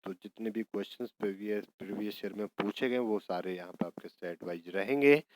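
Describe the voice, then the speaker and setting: A man's voice: lowish voice, brisk, a little mellow, dry recording, rough recording. A man teaching an exam prep lesson, working through each question step by step and answering his own prompts.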